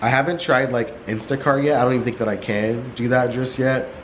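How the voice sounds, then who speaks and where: Young male vlogger, casual and monotone, filler-heavy, slightly breathless, faint room tone. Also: medium pitch, a little fast, slight background noise, low-quality recording. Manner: rambling, many "like" fillers. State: short of breath. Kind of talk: casual vlog chat. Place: warm sunlit apartment living room. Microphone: camera resting on a couch.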